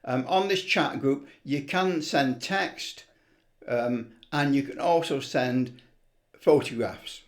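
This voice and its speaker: An amateur video presenter and CB radio hobbyist gives a casual, unscripted screen tutorial, rambling a bit and muttering to himself as he works. His voice is medium-pitched and he takes it slowly.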